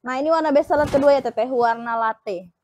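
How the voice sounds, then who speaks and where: A young woman hosting an online shop live stream, pitching a product in upbeat, repetitive patter full of pet names for her viewers. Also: brisk, a little mellow, a little hiss or hum.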